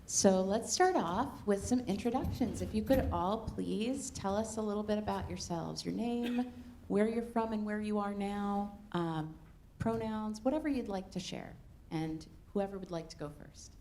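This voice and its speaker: Mellow-voiced woman moderating a panel. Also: medium pitch, moderate pace, slight background noise. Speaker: panel facilitator.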